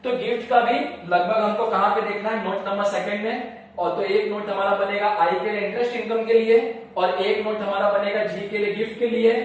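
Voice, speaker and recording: A man teaching a class, asking quick questions and answering them himself and repeating the key points. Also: high voice, steady tone. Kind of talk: classroom lecture. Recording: echoey room, mic far off.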